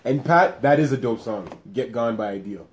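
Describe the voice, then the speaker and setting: A young adult man co-hosting a podcast, telling a story in casual chat with lively, laughing energy. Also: mid-range voice, moderate pace. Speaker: podcast co-host.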